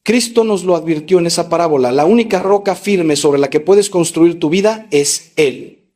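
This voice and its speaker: Male priest, sermon delivery, slightly high voice, emphatic and repetitive, shifts between intense peaks and slow, low lines. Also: darkish tone. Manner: swings between raised, intense lines and low, slowed ones; addresses the listener directly.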